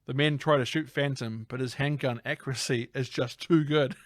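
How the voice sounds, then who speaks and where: A man at an ordinary middle pitch narrates a movie's scenes in a casual, playful podcast manner. The sound is dry and close, with no room around him. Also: steady tone, moderate pace, no room sound. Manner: playful narrating recap, breaks into silly voices. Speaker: podcast co-host. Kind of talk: casual film recap podcast.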